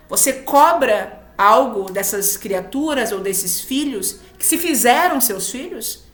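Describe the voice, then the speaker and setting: Animated Brazilian woman teaching in a roomy space. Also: high-pitched. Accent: Brazilian Portuguese. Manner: emphatic, acts out short quoted exchanges. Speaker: spiritual speaker. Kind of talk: spiritual teaching talk.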